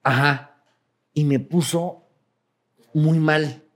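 Mexican man, fairly high voice, animated storyteller who swears freely and acts out what others said. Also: extremely slow. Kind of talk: casual storytelling chat.

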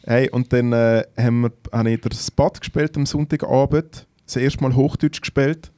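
A young Swiss man with a Swiss German accent, a comedian co-hosting a podcast, who tells stories in a relaxed way and adds dry remarks. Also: medium pitch, moderate pace, no echo. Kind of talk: casual chat.

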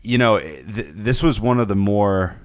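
A man's voice: on the low side, measured pace, no room sound, clean studio sound. A young man co-hosting a casual sports podcast, rambling with many fillers and repeated words. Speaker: podcast co-host.

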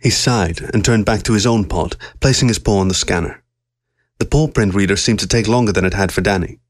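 Low-voiced man reading a story. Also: no echo, clean studio sound. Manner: steady, measured storytelling. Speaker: narrator. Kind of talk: audiobook reading of a science-fiction story.

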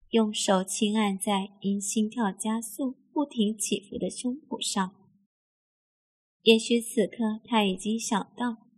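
A woman narrating a scripted erotic story in a slow, even reading voice. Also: medium pitch.

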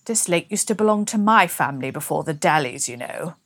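A woman's voice: low-pitched, expressive, fairly quick, a bit bright. A woman voicing a brawny, swaggering man with a bold, theatrical delivery.

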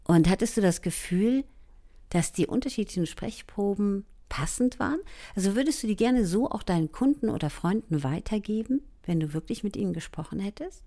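A woman leading a voice training lesson, speaking directly to the listener in an encouraging way, sometimes dropping into soft asides. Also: medium pitch, animated, brisk. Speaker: voice coach.

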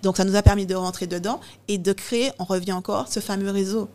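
Lively French-speaking woman telling anecdotes. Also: mid-range voice, quick pace. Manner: animated, laughs often while telling anecdotes. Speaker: guest. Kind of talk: casual conversation.

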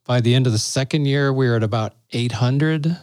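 A middle-aged male pastor chatting as a guest, lively and quick to laugh, slipping into the voices of people in his anecdotes. His voice sits at an ordinary pitch. The recording is close and dry, with no room sound. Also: no room sound. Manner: animated, acts out quoted dialogue, laughs often. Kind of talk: casual storytelling conversation.

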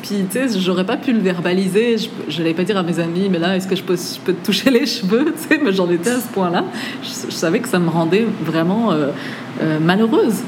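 A woman from France interviewing a guest in a café, speaking in a chatty, relaxed way. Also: fairly low pitch, fairly quick, background noise. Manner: chatty, relaxed, laughs easily. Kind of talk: casual conversation.

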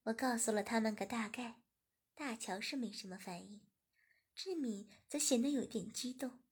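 Husky woman narrating a story. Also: on the high side, moderate pace. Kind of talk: scripted narration.

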